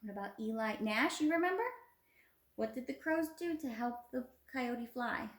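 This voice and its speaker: A young female teacher leads a children's read-aloud in a fairly high, expressive voice at normal speed, encouraging the kids and prompting with simple questions. She records on a phone held at arm's length in a small indoor room at home, so the sound is roomy and echoey.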